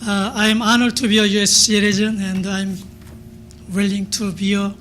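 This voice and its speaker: A Korean-accented man, a native Korean speaker, gives brief, halting thanks at a naturalization ceremony. His voice sits high and stays fairly level. Faint music plays behind him. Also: flat delivery, fairly bright tone. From South Korea. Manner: halting, simple phrasing with pauses. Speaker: new citizen at a naturalization ceremony. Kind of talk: short thank-you remarks.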